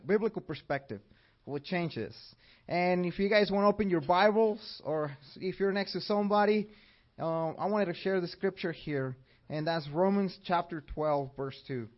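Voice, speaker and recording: Speaking at a moderate pace with a fairly high pitch, this man from Mexico leads a church lesson and cheerfully poses questions to the group. He has a Mexican Spanish accent, and the audio sounds dull and low-fidelity.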